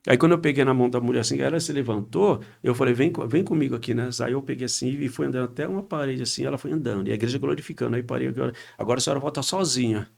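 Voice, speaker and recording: A man, a pastor recounting a healing testimony on a podcast, acting out dialogue and rising in pitch as he gets excited. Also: rapid-fire, gravelly, hardly any pauses. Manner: animated retelling with quoted dialogue, rising pitch when excited.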